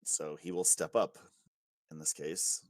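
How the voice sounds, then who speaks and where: A man playing a tabletop game, talking in a hesitant, relaxed way with fillers while he decides his character's moves. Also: rumbling low, no room sound. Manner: slow, hesitant, with fillers and laughs. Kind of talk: casual play chat.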